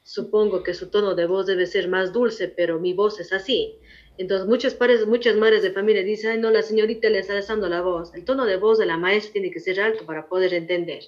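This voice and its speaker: A woman's voice: medium pitch, steady tone, fairly quick. A woman in her forties, a veteran teacher, answering interview questions in a firm, repetitive, explaining manner. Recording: muffled lo-fi recording.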